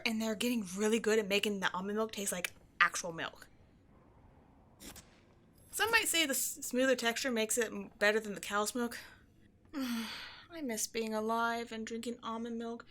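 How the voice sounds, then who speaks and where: In a scripted comedic audio roleplay, a woman plays a petty, theatrical ghost from an old horror film, mock-sinister and quick to get exasperated. Her voice is fairly high and fairly bright.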